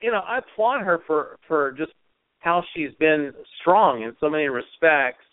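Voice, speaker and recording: A man's voice: on the high side, animated, moderate pace, no room sound. A man hosting a political talk radio show, giving opinionated commentary full of rhetorical questions. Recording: tinny phone-like audio.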